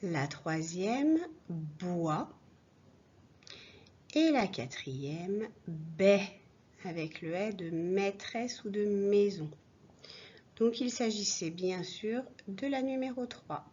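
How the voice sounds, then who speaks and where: A woman teacher leads a slow, patient reading lesson for small children. Her voice is soft and a little husky. The recording sounds dull and lo-fi, like a home mic. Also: medium pitch, expressive. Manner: slow, clear, patient, addressing a child directly. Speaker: primary school teacher.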